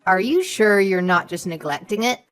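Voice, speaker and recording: Lightly acting at a normal speed, a woman with a medium-pitched, lively voice takes the role of an elderly mother-in-law in a scripted audio story. The character is haughty, suspicious and scornful, talking down to people sharply while addressing them as "sweetheart" and "darling."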